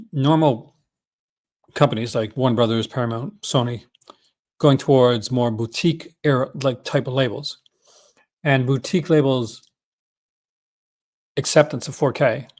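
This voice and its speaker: A man's voice: mid-range voice, a little mellow. Chatty man with a Newfoundland accent. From Newfoundland, Canada. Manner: chatty, folksy, enthusiastic asides. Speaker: host of a movie-collecting vlog. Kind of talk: casual unscripted chat.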